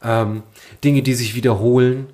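A man's voice: medium pitch, fairly even intonation, normal speed, mellow. A man co-hosting a podcast, teasing his friend with dry quips in casual chat. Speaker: podcast co-host.

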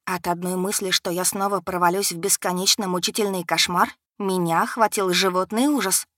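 Woman, low voice, dry close sound, dramatic first-person audiobook narration. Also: fairly even intonation, brisk, fairly bright tone, no room sound. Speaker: audiobook reader.

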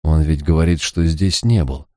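A man narrating a novel in the first person, in a measured storytelling manner. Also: a bass voice, mellow, dry recording, clean studio sound. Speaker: audiobook narrator.

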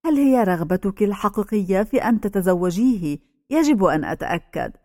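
A woman voicing an aging male village pastor who speaks slowly and solemnly. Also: medium pitch, big pitch swings, a little mellow, no room sound, clean studio sound. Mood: grave.

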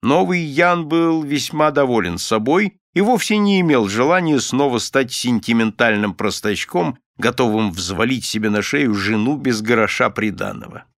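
Male narrator, audiobook story reading, gravelly voice, dry studio sound. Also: medium pitch, animated, moderate pace, hardly any pauses, no echo.

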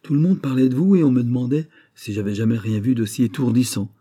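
A man's voice: medium pitch, animated, fast, warm tone, pitched above the performer's own voice, lightly acted. A man voicing a jealous, bullying middle-aged rich husband who talks in a resentful, blustering and insistent way. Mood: angry resentment.

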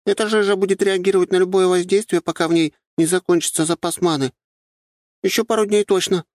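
A man voicing a squeamish, shrill young girl in an audiobook, whiny and loud. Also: steady tone, quick pace, no echo, studio quality, close to an everyday voice. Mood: shouting. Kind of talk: audiobook character voice.

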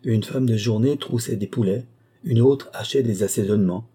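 A man reading a literary novel aloud as an audiobook narrator, in a measured, even storytelling manner. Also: on the low side, husky.

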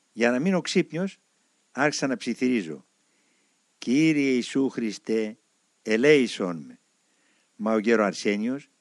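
A man reading a spiritual memoir aloud as narrator, with expressive storytelling. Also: medium pitch, no room sound, clean studio sound.

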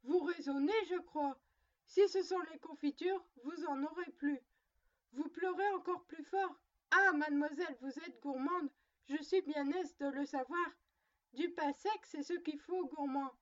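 A woman's voice: sits high, unhurried, lo-fi sound. A woman voicing a little girl who scolds her doll in a stern, motherly way. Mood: scolding.

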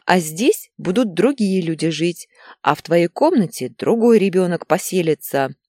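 A woman's voice: low-pitched, very animated, fairly quick, a little mellow, slightly rough, dry recording, studio quality, full character voice. A woman voicing a desperate young mother who screams shrilly and tearfully. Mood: hysterical.

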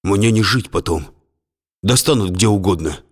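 A man's voice: deep voice, normal speed. A man voicing a nervous middle-aged factory lawyer who sounds flustered and jumpy. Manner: flustered and jumpy, dropping into whispers.

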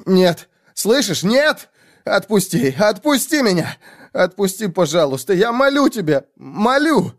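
A man's voice: sits high, sing-song, measured pace, pitched above the performer's own voice, heavily acted. A man voicing a panicking young man tied up over a fire, screaming, begging and threatening in pain. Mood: pleading. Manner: screaming, pleading hysterically. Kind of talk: audiobook character voice.

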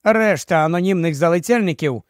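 A sharp-tongued widow from the cosmetics counter, mocking and cutting, as a male audiobook reader puts her on. Her voice sits high and quick to sting. The recording is close and dry, with no room sound. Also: animated, no room sound. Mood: sarcastic. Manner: biting, mocking.

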